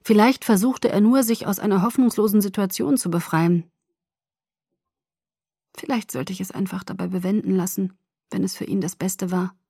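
Woman reading an audiobook, husky voice, dry close sound, really feels it. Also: medium pitch, normal speed, no echo. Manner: emotional, expressive reading. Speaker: audiobook narrator. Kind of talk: first-person novel narration.

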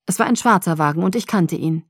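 A woman's voice: fairly low pitch, quick pace, dry recording, studio quality. Woman narrating an audiobook. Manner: steady, even first-person storytelling.

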